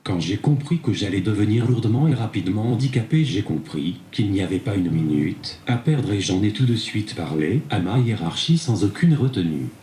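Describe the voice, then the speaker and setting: A man's voice: lowish voice, expressive, moderate pace, hardly any pauses, mellow. A man's synthetic text-to-speech voice reading prepared interview answers. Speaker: interview guest. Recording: echoey room sound with faint noise.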